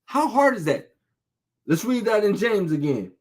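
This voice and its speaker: A man preaching an informal sermon, reading scripture slowly and talking to listeners in a street-casual way, full of rhetorical questions. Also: high-pitched, sing-song. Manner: reads scripture slowly and deliberately.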